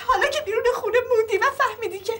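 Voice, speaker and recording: A wounded, high-voiced wife. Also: female voice, bright, forceful tone. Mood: hurt. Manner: plaintive, reproachful. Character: wounded romantic wife, the poet Manijeh. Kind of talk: TV sitcom acting.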